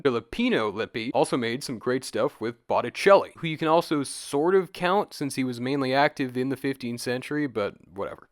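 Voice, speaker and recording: A man's voice: medium pitch, fairly bright tone, dry recording. An enthusiastic man narrates a scripted video essay in a casual, joking manner. His voice sits in an ordinary middle range. The recording is dry and close.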